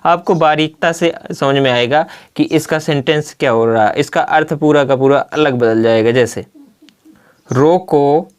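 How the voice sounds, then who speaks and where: A man's voice: a little high, clean tone. A man teaching a grammar lesson at a blackboard. He often poses a key word as a question and then answers it himself. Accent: Hindi. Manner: slow and deliberate, spelling out examples.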